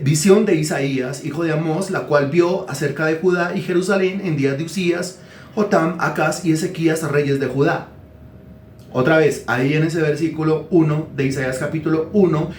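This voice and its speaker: A man's voice: a little high, darkish tone, roomy sound, slight background noise. A man preaching a teaching sermon, asking his listeners questions and telling them what to write down. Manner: asks the congregation questions and dictates words to write. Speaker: pastor.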